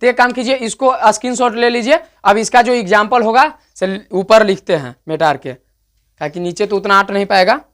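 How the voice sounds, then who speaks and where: A man's voice: sits high, normal speed, fairly bright tone. A man teaching an online grammar lesson, talking straight to his students and saying example words aloud again and again. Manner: direct, repeats words aloud to drill pronunciation.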